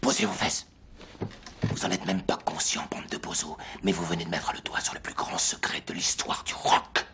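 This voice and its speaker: A man voicing a secretive music-shop clerk in a French film dub, talking in a hushed, conspiratorial way. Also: sits low, steady tone, normal speed, whispered, lightly acted. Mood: whispering, secretive.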